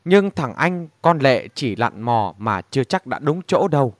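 A man's voice: mid-range voice, very animated, measured pace, dry recording. A man voicing an eager, boastful middle-aged villager in a storybook reading.

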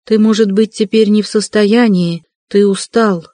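Dunya, a reader voicing a proud, quick-tempered young sister. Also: medium pitch, steady tone, no echo, natural voice. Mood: earnest. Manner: hushed then indignant.

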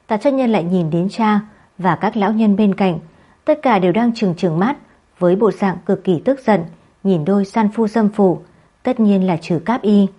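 Woman narrator, audiobook reading, steady measured delivery, mid-pitched voice. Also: muffled recording.

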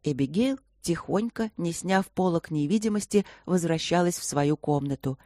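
A woman reading a romantic comic fantasy audiobook with lively, expressive narration. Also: fairly low pitch, normal speed, dry recording, studio quality.

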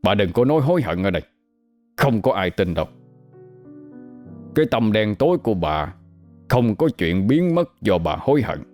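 A man's voice: lowish voice, sing-song, moderate pace, pauses often, a little mellow, soft background music. A man doing a stern old villager. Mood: scornful. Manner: stern, lecturing. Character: stern older village man, cutting and stubborn. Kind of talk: storytelling with voices.

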